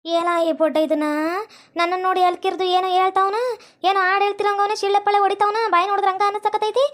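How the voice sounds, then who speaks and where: Cartoon village girl, complains sharply, North Karnataka accent, high and rapid. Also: flat delivery. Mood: indignant. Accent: North Karnataka Kannada. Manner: complaining, indignant. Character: young village woman, indignant at being whistled at.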